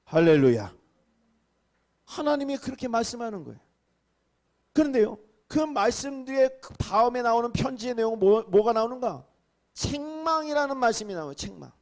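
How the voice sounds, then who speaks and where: A man, a senior pastor, preaching a sermon, swinging from hushed asides to emphatic, raised exclamations. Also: extremely high pitch, very animated, moderate pace. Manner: acts out rebukes and quoted speech in a raised voice.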